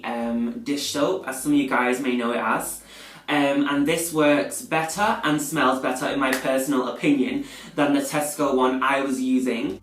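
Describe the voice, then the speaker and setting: A man's voice: medium pitch, a bit bright. A man chatting casually through a doll-fixing tutorial, rambling with lots of "like" and "um", his voice ringing with the echo of a small tiled bathroom. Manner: chatty, filler-heavy, says "like" and "um" often. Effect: echoey tiled bathroom sound. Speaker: doll restoration vlogger. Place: home bathroom by the sink.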